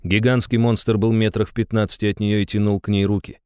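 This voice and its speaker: A man narrating a first-person fantasy audiobook in an even, measured way, close to the mic. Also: on the low side, clear, resonant tone, no echo.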